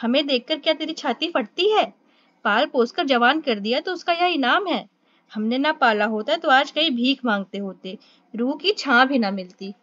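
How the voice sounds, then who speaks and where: A woman voicing Dhaniya, a fierce, sharp-tongued peasant wife who scolds and hurls insults. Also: high-pitched, animated, moderate pace, dry recording, muffled recording. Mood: scolding.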